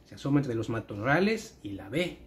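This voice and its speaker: Animated man telling a joke. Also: medium pitch, normal speed, slight background noise. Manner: animated storytelling. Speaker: joke teller.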